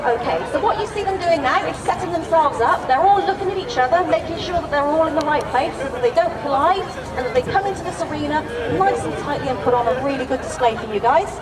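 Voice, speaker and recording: Very high-pitched woman commentator, distant and echoey. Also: expressive, fast, hardly any pauses. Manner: explanatory, addressing the crowd directly. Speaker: parachute display commentator. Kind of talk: live airshow commentary. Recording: distant echoey PA, loud crowd and noise.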